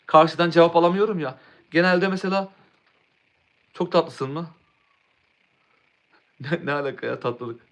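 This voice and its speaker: A man's voice: on the high side, unhurried, long pauses. A young man chatting casually on a live stream, rambling, restarting words and answering viewers' chat.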